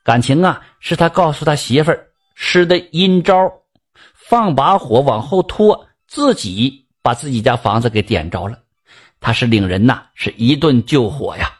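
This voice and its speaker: A man's voice: mid-range voice, expressive, moderate pace, husky. Folksy Northeastern Mandarin storyteller man. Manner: chatty, folksy asides to the listener. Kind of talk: folk tale storytelling.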